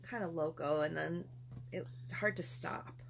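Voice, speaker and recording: A woman co-hosting a casual live-stream chat, telling stories in a gushing, animated way. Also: low voice, unhurried, vocal fry. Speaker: co-host.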